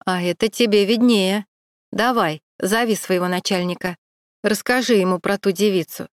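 A woman's voice: medium pitch, fairly even intonation, moderate pace, dry recording, clean studio sound, lightly acted. A woman voicing a stern middle-aged police captain who questions coldly and with irony. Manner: cold, pressing, ironic.

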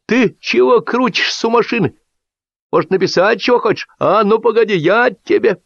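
A man voicing a touchy, fussy man with a shrill, barking voice. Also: sing-song, a little slow, no room sound, dull audio. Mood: indignant. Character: touchy, fussy man yelling about his car.

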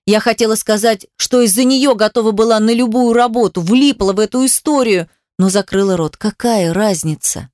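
A woman reading a novel aloud in first person, in a steady, measured way. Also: on the high side, no echo, studio quality. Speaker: audiobook reader.

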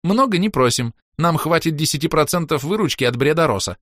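A man voicing a woman baroness who gives crisp, demanding commands. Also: a little high, lively intonation, brisk, a bit bright, no room sound, clean studio sound, voice pushed up. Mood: cool.

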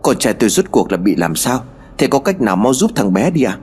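A man's voice: medium pitch, big pitch swings, fast talker, darkish tone, husky. A man voicing a worried mother who pleads and frets in a tearful way, in a spoken horror story. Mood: anxious.

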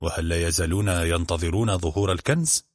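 A man's voice: deep voice, quick pace, dry recording, studio quality. A man reading the part of a sarcastic male police officer who talks in a blunt, mocking, offhand way. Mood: dry teasing.

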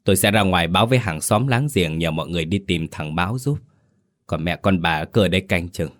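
A man voicing an older village father in a ghost story audiobook, giving orders in a stern, steady voice. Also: deep voice, quick pace, natural voice.

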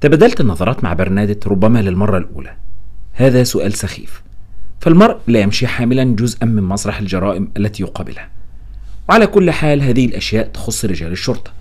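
Fast, animated male storyteller. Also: fairly low pitch. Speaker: narrator. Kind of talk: audiobook narration.

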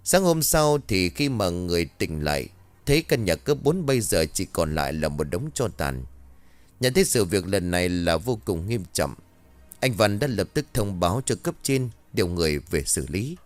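Dramatic low-voiced man narrating horror. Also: normal speed, no echo. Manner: lively storytelling with dramatic pitch swings. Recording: dry close mic with faint music bed.

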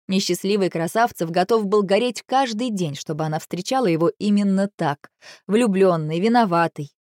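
A woman narrating an audiobook in a steady, measured way. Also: mid-range voice, dry recording, clean studio sound. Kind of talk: audiobook reading.

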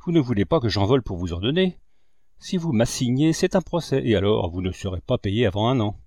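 Cunning, brutal uncle, read by a man: oily charm over a cold threat, mellow tone. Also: medium pitch, sing-song, brisk, dry recording, clean studio sound. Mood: wheedling, sly. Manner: smooth and falsely kind, turning to harsh threats. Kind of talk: audiobook reading.

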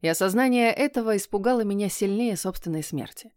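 A woman narrating a first-person fantasy audiobook in a hushed, tense storytelling manner. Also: medium pitch, quick pace, no echo, clean studio sound.

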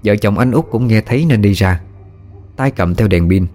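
Man, very deep voice, ghost story narration, faint music behind. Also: normal speed. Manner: steady, plain storytelling.

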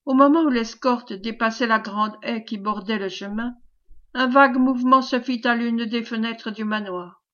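A woman reading a novel aloud as audiobook narrator, in measured, even storytelling. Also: on the high side, muffled recording. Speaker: audiobook reader.

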